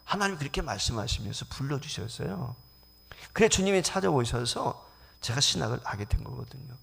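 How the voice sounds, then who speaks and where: A middle-aged man, a senior pastor, preaching a sermon to his congregation, swinging between loud exclamations and hushed whispers. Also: mid-range voice, very animated, fairly quick, creaky, husky. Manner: addresses the congregation directly as "여러분".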